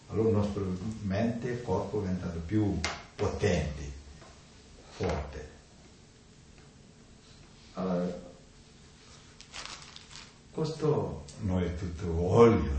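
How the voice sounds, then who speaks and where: Deep-voiced man, slow and halting, echoey. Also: dark tone. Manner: halting, simple non-native grammar, keeps adding "no?". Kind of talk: informal talk on mind and energy. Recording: echoey room, distant mic, faint noise.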